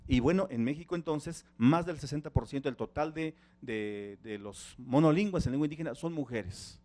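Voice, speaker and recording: A man's voice: on the high side, normal speed, a little mellow. Tzeltal-speaking man giving a conference talk. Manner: engaging, asks the audience questions. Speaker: panel speaker. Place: conference hall.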